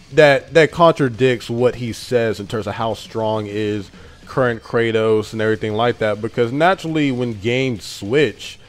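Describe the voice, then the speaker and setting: A man talking casually as a gaming YouTuber, his voice raspy and a bit deeper than usual, with animated delivery and sudden loud bursts.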